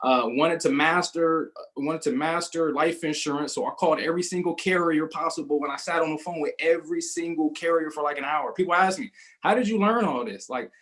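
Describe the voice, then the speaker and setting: Upbeat young guy training a sales team, confident, telling his own story, kinda high voice. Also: steady tone, fairly quick, few pauses, a bit bright. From Southern California. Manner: upbeat, storytelling, self-assured.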